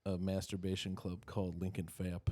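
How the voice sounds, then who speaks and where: A man's voice: low voice, monotone, a little mellow. A man co-hosting a comedy podcast, riffing and joking in casual chat with friends. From United States. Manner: joking, quick riffing, laughs a lot. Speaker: podcast co-host. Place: podcast studio.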